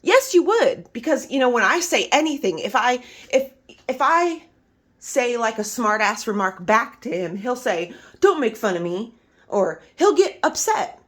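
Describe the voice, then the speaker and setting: A woman's voice: fairly high pitch, animated, unhurried. A middle-aged woman venting to her viewers in a casual monologue, emphatic and exasperated, swearing freely. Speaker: vlogger.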